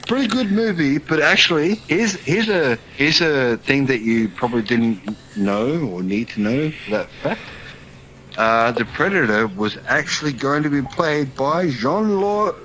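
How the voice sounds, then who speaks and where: A man's voice: mid-range voice, lively intonation, a little slow, fairly bright tone, slight background noise, low-quality recording. A man in casual, profane chat in a VR game, ranting and teasing others. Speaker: VR social game player. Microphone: VR headset mic.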